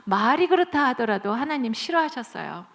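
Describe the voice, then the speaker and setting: Animated woman preaching, higher-pitched. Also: brisk. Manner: animated storytelling, acting out quoted voices. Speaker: guest speaker at church. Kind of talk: sermon. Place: church service.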